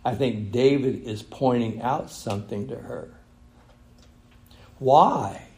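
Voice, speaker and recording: A male pastor preaching a sermon, switching between loud emphatic reading and quiet, intimate asides. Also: medium pitch, steady tone, normal speed, creaky.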